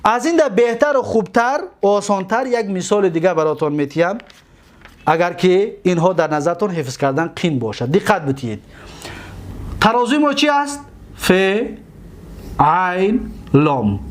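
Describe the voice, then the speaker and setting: Tajik-accented male teacher, lively melodic delivery, stretches out example words. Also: sits high, a little hiss or hum. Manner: slow, drawn-out on example words; questions the listeners and answers himself. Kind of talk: grammar lesson.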